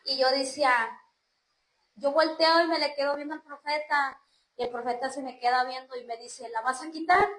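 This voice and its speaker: A woman's voice: high-pitched, steady tone, normal speed, fairly bright tone. A woman from Mexico gives an earnest religious testimony, repeatedly calling her listeners brothers and sisters. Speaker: churchgoer giving testimony. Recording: roomy echo.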